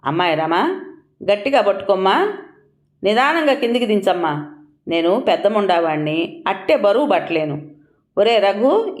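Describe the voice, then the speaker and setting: A firm, deliberate old father-in-law, as a woman narrator puts him on in an audio story, handing out orders with steady authority. The voice sits at a middle pitch for a woman, carried in a noticeably echoey room. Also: lightly acted. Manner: commanding, gives orders patiently.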